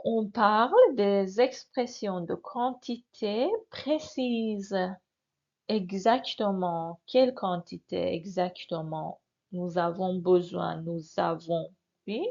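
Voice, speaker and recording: Woman teaching real slow, gravelly voice, dull lo-fi sound. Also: medium pitch, a little mellow. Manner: slow, patient, repeats words and asks learners to answer. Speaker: French teacher. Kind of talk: classroom lesson. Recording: dull lo-fi recording.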